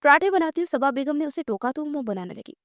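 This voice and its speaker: A woman's voice: sits high, quick pace, no echo, clean studio sound. Woman reading a romance novel aloud. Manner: steady storytelling read-aloud. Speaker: narrator. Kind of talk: scripted narration of a romantic novel.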